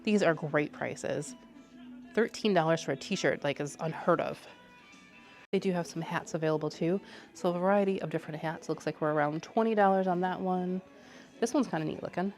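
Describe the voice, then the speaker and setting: A woman's voice: on the low side, normal speed, a little mellow, faint music behind. A woman travel vlogger giving casual running commentary to her viewers as she looks around.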